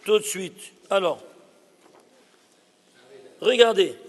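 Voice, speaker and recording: A man teaching a Torah lesson as a rabbi, animated and exclaiming, often asking his audience questions. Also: sits high, takes it slowly, in a large hall.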